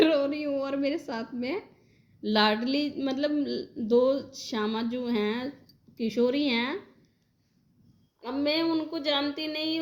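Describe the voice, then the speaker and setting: A woman with a high voice tells a devotional dream in an earnest, rambling way. Her delivery is heartfelt and casual, and she speaks straight to her listeners. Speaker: devotional storyteller. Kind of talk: retelling a dream in casual speech.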